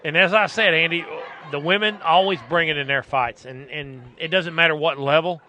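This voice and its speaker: A man's voice: on the high side, normal speed, pushed and bright, slight background noise. A man giving conversational analysis as color commentator at a live fight.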